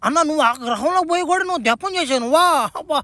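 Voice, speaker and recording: A woman's voice: high-pitched, expressive, rapid-fire, a bit bright, no room sound. A woman voicing a teasing alien-planet character in a crude comic cartoon.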